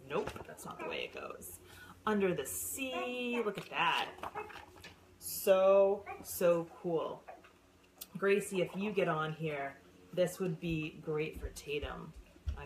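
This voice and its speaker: A woman's voice: lowish voice, noisy background. A middle-aged woman gushing over new books in a casual unboxing vlog, squealing and gasping with delight. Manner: gushing, excitable, squeals and gasps. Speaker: book seller and former science teacher.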